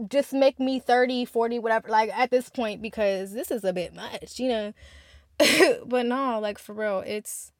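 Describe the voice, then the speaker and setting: Her voice leans high, recorded dry and at studio quality. She's a woman of twenty-one hosting a podcast, addressing listeners directly in a relaxed, chatty monologue full of candor and heart.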